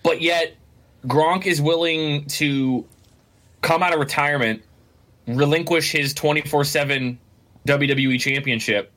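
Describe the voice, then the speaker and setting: A man co-hosting a casual sports podcast, talking in an animated, rambling way with lots of restarts and the odd curse. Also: fairly high pitch, unhurried. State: has the hiccups. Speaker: podcast co-host.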